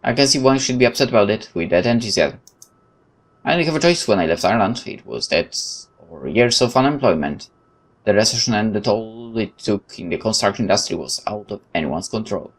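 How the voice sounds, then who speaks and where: In a let's play video, a man with a lowish voice narrates and comments at a brisk clip. He reads the game text aloud expressively, breaking in with his own interjections.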